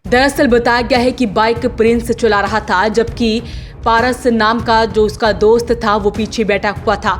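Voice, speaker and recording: A woman's fairly high voice reads a scripted news report over a faint music bed. She keeps a steady, formal tone.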